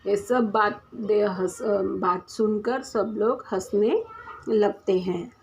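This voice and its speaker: A woman's voice: mid-range voice, slow pace, a little mellow. A woman teacher reads a Hindi lesson aloud and then explains each line, often restarting herself. It is a home recording with slightly dull sound.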